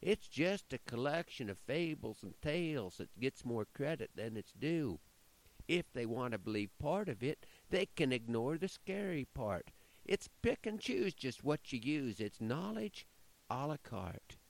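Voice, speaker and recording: A man's voice: mid-range voice, big pitch swings, measured pace, creaky, voice pushed up, rough recording. A man voicing an eager young demon trainee in a recited poem. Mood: eager, sly. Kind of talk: recited cowboy-style poem.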